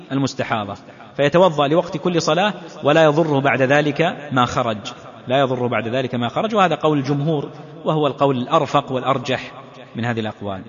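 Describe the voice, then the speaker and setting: A male sheikh gives a religious lesson, unpacking a classical text slowly and repeating key points. His voice carries a long hall reverb. The sound is dull and lo-fi, like an old lecture tape. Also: fairly high pitch. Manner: deliberate, repeats key phrases to drive them home. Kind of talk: religious lesson explaining hadith.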